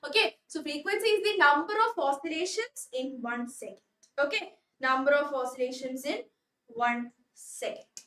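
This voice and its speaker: Young Malayali woman tutor, very high and unhurried, coaxing and always checking understanding. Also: fairly bright tone, echoey room, far from the mic. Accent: Malayali English. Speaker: online tuition teacher. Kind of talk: live online class, mixing Malayalam and English.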